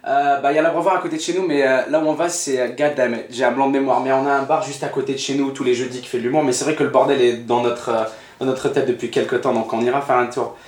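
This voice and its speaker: A man hosting a podcast, chatting casually and quickly, slangy and excitable as he questions his guest. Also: mid-range voice. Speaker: podcast host. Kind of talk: casual chat. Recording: echoey room.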